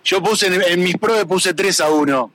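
A man's voice: sits high, unhurried, pushed and bright. A man with an Argentine accent, a football fan answering a street interview outdoors with upbeat replies. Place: outdoors on a busy avenue.

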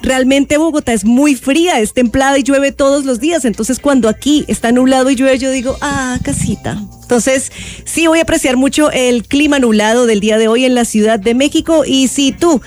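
A woman's voice: high-pitched, normal speed, a little mellow, soft background music. A Colombian woman with a Colombian accent co-hosting a morning show, chatty and playful as she reads the weather. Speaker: radio co-host. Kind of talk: casual morning show banter.

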